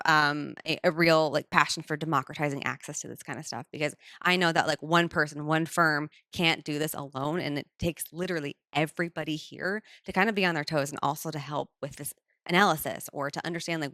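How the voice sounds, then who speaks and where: A woman's voice: sits low, brisk, sharp tone, no room sound, studio quality. A woman speaking on a panel to a live audience, chatty and full of fillers. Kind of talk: casual talk to a live audience.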